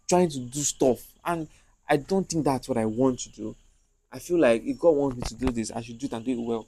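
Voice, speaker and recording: A young man with a Nigerian accent rambling casually to his own camera, repeating himself and often trailing off quietly. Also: medium pitch, vocal fry, no room sound, rough recording. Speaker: content creator. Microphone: own handheld mic, noise reduction mode.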